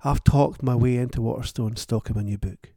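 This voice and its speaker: A man's voice: medium pitch, fairly quick, warm tone, dry recording, clean studio sound. A man who writes books, hosting his own show in a wry, plain-spoken and thoughtful solo monologue. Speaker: author and podcast host.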